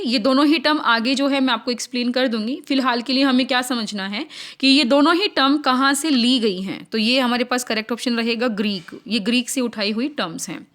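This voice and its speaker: An Indian woman teaches literature terms for an exam, and her voice sits high. She keeps asking her class a question and then answering it herself. She slows right down when she reads the English lines aloud. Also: a bit bright. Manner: explains in mixed Hindi and English, asks and answers her own questions. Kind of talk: exam-prep literature lesson.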